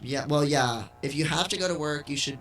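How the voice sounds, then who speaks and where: A man's voice: on the high side, a little fast, fairly bright tone. A man co-hosting a live gaming stream, making dry jokes and reading viewers' messages aloud. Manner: dry, joking, reads chat aloud. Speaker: stream co-host. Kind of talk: casual gaming stream chat.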